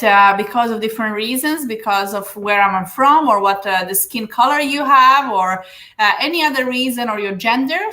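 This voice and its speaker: A Serbian business coach with a Serbian accent gives earnest advice while answering interview questions in Dubai, using frequent fillers. Her voice is a little high with a sharp tone.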